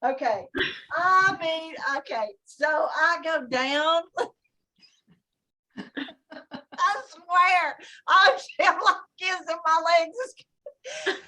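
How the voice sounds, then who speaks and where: A woman with a high, bright voice tells funny stories over a video call. She is animated, laughs often and puts her own thoughts into a squeaky high voice. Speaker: guest telling stories. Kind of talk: casual storytelling on a video call.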